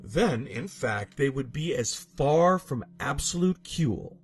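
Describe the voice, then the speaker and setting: Slow-paced and animated, a medium-pitched male voice dramatizes an absurd scripted story with theatrical emphasis, with background music running under the narration.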